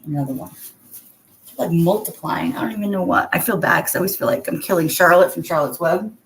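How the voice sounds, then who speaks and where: A woman's voice: on the low side, fairly quick. Woman chatting casually in an echoey bathroom. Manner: chatty, addresses viewers by name. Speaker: livestream host. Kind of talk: casual livestream chat with viewers. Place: indoors, in a bathroom. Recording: echoey bathroom, clear background noise.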